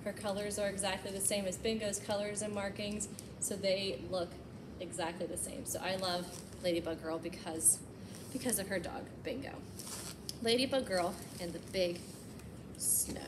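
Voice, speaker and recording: A woman reads a picture book for storytime, expressive and animated, at a moderate pace and medium pitch. Chatty asides are aimed at the young listeners, and the background is noisy.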